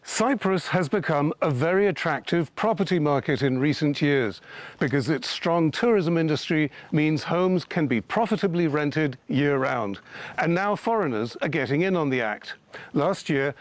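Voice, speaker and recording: Male field correspondent, slightly high. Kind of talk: scripted news report voice-over.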